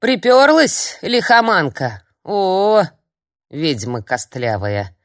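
A woman reading an audiobook, voicing a cantankerous, half-blind old hag who scolds and jeers in a high, strained voice. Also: huge pitch swings, dry recording, clean studio sound, heavily acted. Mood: scolding. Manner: shrill, scolding, drawn-out jeers.

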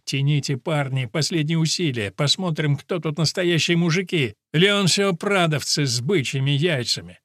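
A man's voice: fairly high pitch, moderate pace, few pauses, fairly bright tone, dry recording, studio quality. A man voicing a stern platoon commander handing out punishments and urging cadets on. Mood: commanding.

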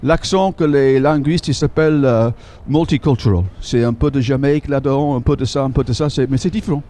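Man with a dark voice, guiding a tour. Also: mid-range voice. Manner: halting, searches for French words, many fillers. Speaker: local tour guide. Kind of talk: guided walking tour, explaining sights. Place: outdoors in a city street.

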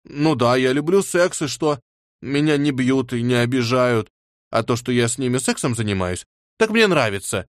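A man's voice: medium pitch, expressive, moderate pace, no echo, clean studio sound, close to an everyday voice. A man reading an audiobook and voicing a smug, mocking plump teenage girl. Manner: mocking, giggly.

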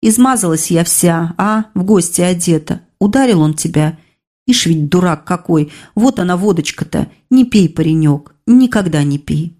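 A woman voicing a sturdy, blunt working woman who talks in a brisk, earthy, scolding way. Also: on the low side, animated, dark tone. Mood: plainspoken.

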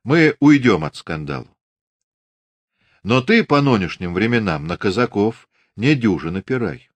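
A man voicing a burly, blunt but friendly Cossack who talks in a slow, rustic dialect, in an audiobook. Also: on the low side, very animated, dry recording. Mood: blunt advice.

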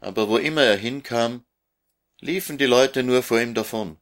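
A man reading a children's storybook aloud in a measured way, narrating the story. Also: mid-range voice, fairly bright tone.

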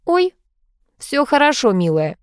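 A brash, sarcastic young man, read by a woman narrator in an audiobook, pushy and mocking. The voice sits high and moves around a lot. The recording is dry and close. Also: animated, moderate pace, clear, resonant tone, no room sound, natural voice.

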